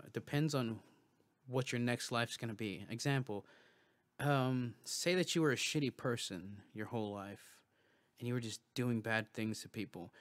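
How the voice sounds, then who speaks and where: A livestream host talks casually in a rambling monologue, musing aloud with loose restarts and plenty of swearing. His voice is medium-pitched, and there's no room sound.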